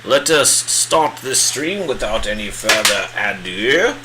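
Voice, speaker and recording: A man's voice: on the low side, sing-song, very noisy. A man playing a pompous bearded old wizard with a put-on British accent, hamming it up while he paints live. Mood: grandiose. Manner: hammy, drawn-out theatrical wizard speech.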